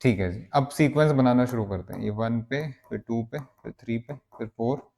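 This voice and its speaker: A man's voice: medium pitch, moderate pace, vocal fry, warm tone. A man teaching maths for an entrance exam, coaxing his students and repeating words for emphasis, with English phrases mixed in. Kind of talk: exam-prep maths lecture.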